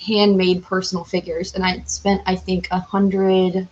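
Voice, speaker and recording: A chatty, exuberant woman who calls herself loud talks casually as a podcast guest, though the sound is slightly muffled. Her voice is fairly low and monotone, and she speaks a little slowly.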